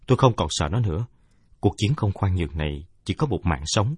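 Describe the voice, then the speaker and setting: A man tells a first-person story in a steady, measured manner. His voice is low and husky. It comes across close and dry, with no room sound. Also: no room sound. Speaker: narrator. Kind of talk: first-person audiobook narration.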